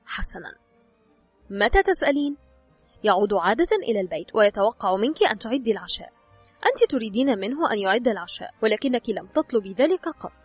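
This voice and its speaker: An audiobook narrator, a woman, reads from an advice book and gives instructions directly to the listener. Her voice is fairly high and slightly rough, and the recording has no room sound.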